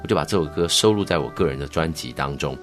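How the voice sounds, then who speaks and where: A middle-aged man with a Taiwanese Mandarin accent, recounting his life story in an interview with earnest, animated emphasis. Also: extremely low pitch, quick pace, loud music behind the voice. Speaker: worship musician, interview guest.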